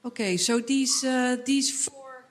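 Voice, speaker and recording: A woman moderator with a fairly high voice sums up audience questions for the speaker. She talks slowly and deliberately, over a faint background hiss. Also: fairly even intonation.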